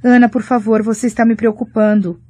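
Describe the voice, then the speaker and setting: A woman's voice: a little high, flat delivery, brisk, no room sound, voice pushed up, close to an everyday voice. A woman reading as a tender, worried mother. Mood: tender, concerned. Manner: gentle, soothing and anxious. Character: warm worried middle-aged mother on the phone.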